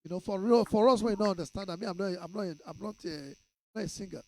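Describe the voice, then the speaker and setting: A man's voice: high-pitched, fast, crowd noise, low-quality recording. A man with a Nigerian accent hosting a radio interview, asking probing questions in a playful way with touches of pidgin. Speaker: radio host.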